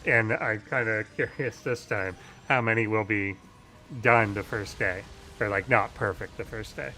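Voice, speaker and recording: Low-ish guy co-casting esports, bright tense tone, easygoing, faint noise behind. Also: unhurried, faint music behind, rough recording. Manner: laid-back, agreeable, lots of "yeah" and "indeed". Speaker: co-caster. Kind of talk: live esports commentary.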